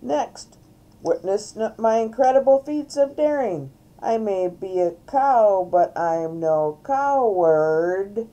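An older woman voicing a cheerful male cow entertainer, talking in a squeaky voice and announcing his tricks like a grand showman. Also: lively intonation, slow pace, dark tone, poor audio. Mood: showy.

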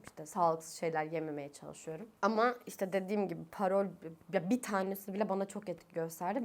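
A young woman in her twenties talks through a face mask from her bedroom in a casual, chatty way. Her throat is sore and she sounds worn out, with coughs breaking through. She laughs easily and rises in pitch when something irritates her. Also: a little mellow. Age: 20s. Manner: chatty, laughs often, voice rising when annoyed. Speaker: vlogger. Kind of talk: casual chat to camera. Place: her own bedroom, indoors. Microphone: speaking through a face mask.

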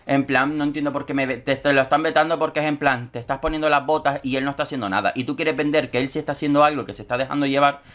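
A man's voice: mid-range voice, steady tone, fairly bright tone. A man giving camp, sarcastic commentary on a reality show as a YouTuber. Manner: camp, sarcastic, quick jokes. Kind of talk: casual comedic commentary.

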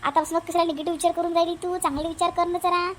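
A woman voicing a calm, reassuring village neighbor woman who repeats herself firmly. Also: very high-pitched, rapid-fire, slight background noise. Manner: reassuring, firm, repetitive.

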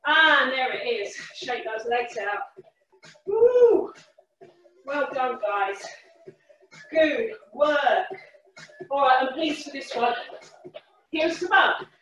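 A woman leading a workout class as a fitness instructor, calling short, energetic, encouraging cues and counts. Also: high-pitched, slow pace, pauses often. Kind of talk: live workout class coaching. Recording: echoey room, far from the mic.

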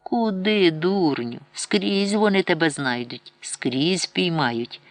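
A man's voice: on the high side, expressive, slow, no echo, voice pushed up. A man voicing a pious, stern village mother who scolds her son and threatens him with hellfire. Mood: stern warning.

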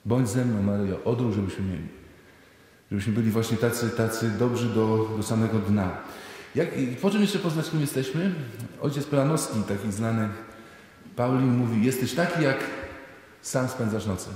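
A priest giving a parish talk, telling lively stories and acting out the people in them. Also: male voice, medium pitch, moderate pace. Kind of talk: sermon. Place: parish church. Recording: echoey church hall, faint noise.

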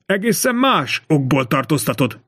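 A man voicing a greedy, feverish innkeeper's wife who speaks hoarsely and taunts her husband in an audiobook. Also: sits low, big pitch swings, full character voice. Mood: taunting. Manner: taunting, needling.

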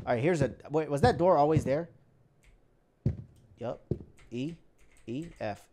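A man's voice: on the high side, measured pace, noisy background. A young man casually commentating a horror game for viewers, slangy and easily startled. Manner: slangy, jumpy, talks to viewers. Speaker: gaming YouTuber. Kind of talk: horror let's play commentary.

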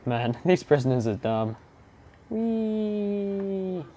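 A young man giving casual commentary while playing a game, muttering to himself and breaking into silly shouts and growls. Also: medium pitch, expressive, measured pace, creaky. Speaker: gamer playing through a game. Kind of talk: casual let's-play commentary.

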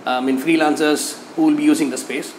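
A man's voice: fairly high pitch, steady tone, fast talker. A man, a cafe owner giving candid interview feedback, hesitant with many fillers and restarts. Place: cafe with painted mural wall, indoors. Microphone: lapel mic. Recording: echoey cafe room with faint noise.

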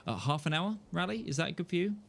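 Speaking fast with lively intonation, this young streamer has a high-ish, gravelly, fairly bright and nasal voice with a mild Kentish southern English accent. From his gaming chair at home, he rambles through casual live-stream chat while playing, joking at his own expense and laughing often. A desk mic sits in front of him.

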